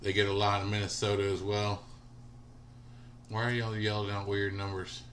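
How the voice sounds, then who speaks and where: A man's voice: on the low side, monotone, normal speed, fairly bright tone, slight background noise. A man in his forties hosting a casual livestream, chatting with viewers and answering their comments by name. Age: 40s. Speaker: livestream host.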